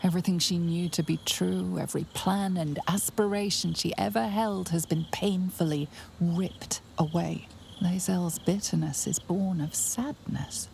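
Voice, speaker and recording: An actress playing a grave, knowing storyteller who gives measured, solemn narration in a fantasy video game. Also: female voice, on the low side, steady tone, vocal fry, a little mellow, slight background noise. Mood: mournful. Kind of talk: scripted dramatic game narration.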